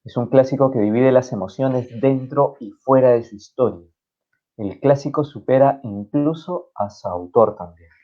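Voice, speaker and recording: A male host, reflective in casual chat, putting questions to his guest. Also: medium pitch. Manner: slow and reflective, asks questions. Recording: dull lo-fi sound with faint noise.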